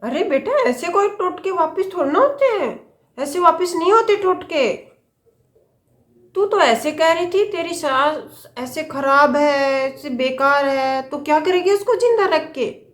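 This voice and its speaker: A woman's voice: high voice, expressive, unhurried, roomy sound. A woman playing a wise, lecturing mother. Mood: scheming. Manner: lecturing, patient, instructive. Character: wise middle-aged mother giving her daughter advice.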